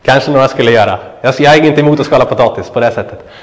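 A man preaching a sermon. He asks the listeners questions, answers them himself, and lets his voice drop low and soft at the ends of phrases. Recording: dull sound with a long hall echo.

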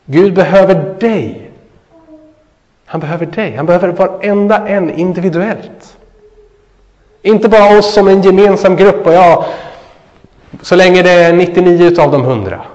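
A man preaching a sermon. He asks the listeners questions, answers them himself, and lets his voice drop low and soft at the ends of phrases. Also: long pauses. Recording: dull sound with a long hall echo.

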